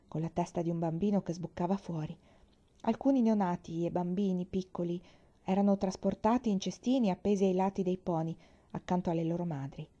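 A woman reading a children's novel aloud at a slow, expressive pace. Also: mid-range voice, highs cut off. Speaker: reader. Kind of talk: audiobook narration.

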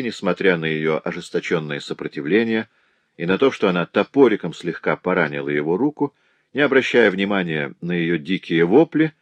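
A man reading a novel aloud in a dramatic, animated audiobook narration. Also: low-pitched, no room sound. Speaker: audiobook reader.

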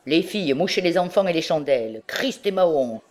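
A woman's voice: on the low side, lively intonation, fairly quick, darkish tone. A woman voicing a rowdy, boastful drunken young male student in an audiobook, exclaiming and laughing. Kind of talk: audiobook character reading.

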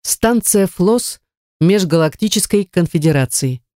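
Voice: medium pitch, lively intonation, measured pace, a little mellow, no echo, studio quality. An audiobook narrator telling a first-person story in a brash, crude and sardonic way, in a mid-range voice.

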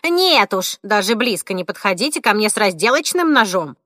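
A woman reading an audiobook, voicing a cantankerous 86-year-old woman who snaps and scolds in a shrill, indignant voice. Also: big pitch swings, normal speed, a bit bright, dry recording, studio quality.

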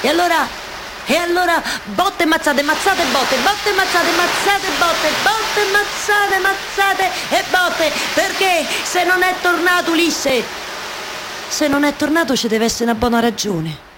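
Slow, incantatory Penelope, Roman accent. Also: female voice, very high voice, heavy background noise. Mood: fierce, excited. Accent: central Italian, Roman. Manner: incantatory, repeats words and phrases, halting. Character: Penelope, lovelorn waiting wife of Ulysses, wistful, obsessive storyteller. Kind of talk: theatrical dramatic monologue with live music.

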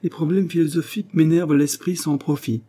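A man voicing a lively, carefree young poet who talks with enthusiasm. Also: on the high side, fairly quick, husky, pitched above the performer's own voice. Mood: enthusiastic. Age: young adult. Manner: enthusiastic, raised voice.

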